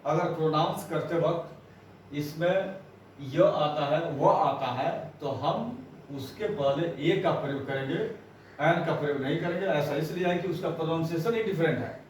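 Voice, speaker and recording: A male teacher giving a grammar lesson, slowly spelling out words and repeating them, mixing in English phrases. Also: a little high, a little hiss or hum. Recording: echoey room, voice far from mic.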